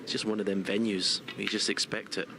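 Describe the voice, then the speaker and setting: Male snooker pundit, low register, conversational and matter-of-fact, with clear venue noise. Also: little pitch movement, brisk. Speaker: snooker co-commentator, former player. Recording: noisy hall ambience behind. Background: snooker hall noise.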